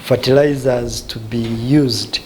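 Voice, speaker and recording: A man's voice: mid-range voice, steady tone, slow pace, darkish tone, slight background noise, rough recording. A man from western Uganda, a guest in a studio discussion who explains earnestly and asks himself questions that he then answers.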